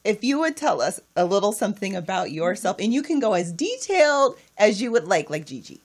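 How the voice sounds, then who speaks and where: A woman's voice: medium pitch, big pitch swings, brisk. A woman hosting a studio talk show, encouraging her guests with frequent affirmations. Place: small studio with table mics. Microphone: studio mic on boom arm.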